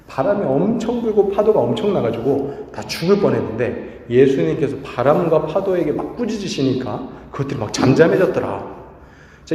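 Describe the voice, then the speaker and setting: A man's voice: fairly high pitch, mellow. A man preaching a sermon to a youth group in a conversational way, asking the audience questions and acting out quotes. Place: church hall. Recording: echoey hall reverb.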